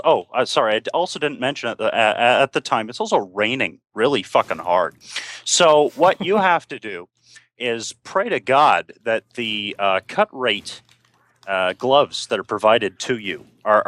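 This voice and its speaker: A man's voice: medium pitch, a bit bright, dry recording. Rambling man with a dry close mic. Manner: rambling storyteller, many fillers and restarts. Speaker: guest on a stream. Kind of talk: casual chat over voice call.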